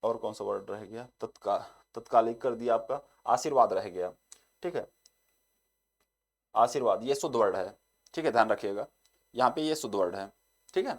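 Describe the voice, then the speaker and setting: A young man teaching an exam-prep lesson. He keeps repeating the same short filler and reads each example sentence slowly. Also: lowish voice.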